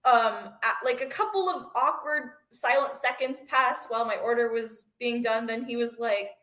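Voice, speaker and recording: A woman's voice: on the high side, moderate pace, sharp tone. A woman guest on a podcast, chatting casually with lots of fillers and giggles. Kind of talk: casual chat. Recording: roomy echo.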